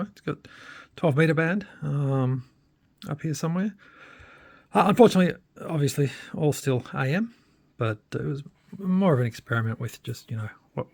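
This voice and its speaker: Speaking in a medium-pitched, somewhat dark voice, a man shows off a radio mod as a hobbyist. His hands-on update is casual and unplanned, full of hesitation and thinking aloud, and the recording is dry.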